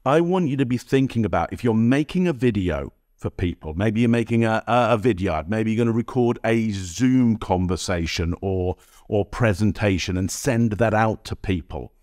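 Lively man presenting straight to camera. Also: lowish voice, normal speed, few pauses, no echo, studio quality. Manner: energetic, addresses viewer directly, frequent "okay?" tags. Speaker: presenter, body language expert. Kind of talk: direct-to-camera tutorial. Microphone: high-end studio microphone.

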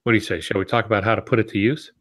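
This American man in his sixties races along in a fairly low, slightly bright voice with fairly even intonation. A writing teacher and podcast co-host, he's giving an informal lesson with asides over a video call from his home office on wired earbuds.

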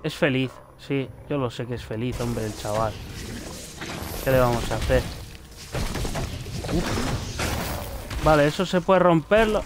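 A man with a Spain Spanish accent giving excitable gameplay commentary, swearing and shouting warnings at the screen. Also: mid-range voice, takes it slowly, pauses often, noisy background. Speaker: gaming youtuber.

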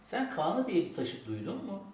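This older man's high-pitched voice swoops wildly and has a somewhat dark tone, delivered at a moderate pace over a little hiss or hum. Hosting a toy-making show for children as a grandfather, he explains crafts step by step with affectionate names and simple questions. Music plays in a roomy, echoing space.

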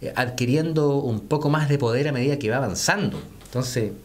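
A man's voice: medium pitch, a little fast. A male vocal coach explaining singing technique, speaking to viewers as friends and breaking into short sung demonstrations.

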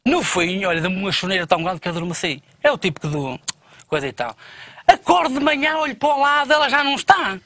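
A man's voice: quick pace, dry recording. A man telling a comic story as a guest, playful and acting out voices. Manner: animated, playful, acts out voices with big pitch jumps. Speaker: comedian guest. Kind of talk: comic storytelling in a radio interview.

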